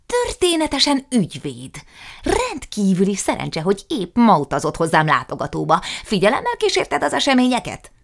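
A blustering middle-aged schemer bellows his grievances in a raised, lively voice, as a woman reading the story puts him on. His talk swings widely in pitch and carries a gravelly edge. It sounds like a storybook character read aloud. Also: full character voice. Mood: pompous. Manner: loud, theatrical ranting.

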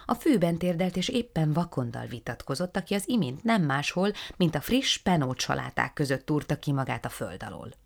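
A woman narrates a children's storybook in a soft, hushed, half-whispered way. Her voice sits low and carries a gravelly fry. The reading is gentle and even throughout. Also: few pauses.

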